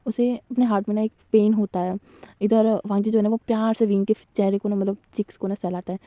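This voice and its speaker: A woman's voice: mid-range voice, fairly even intonation, fast, dry recording. A woman casually retelling a fan fiction story in a chatty, giggly way with loose fillers. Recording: slightly dull lo-fi recording.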